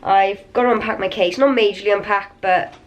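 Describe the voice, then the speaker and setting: A woman's voice: medium pitch, fairly even intonation, a little fast, highs cut off. Tired, wheezy woman vlogging. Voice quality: slightly raspy. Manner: chatty, rambling, tired. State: wheezy and a little out of breath from a cold. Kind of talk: casual vlog chat to camera. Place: hotel room, indoors. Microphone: handheld camera.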